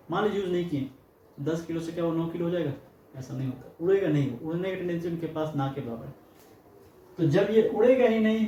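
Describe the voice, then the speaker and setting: A man's voice: on the high side, warm tone. A man teaching a chemistry class, explaining step by step and asking rhetorical questions, with everyday examples. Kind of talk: classroom lecture. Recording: roomy echo, distant mic, faint noise.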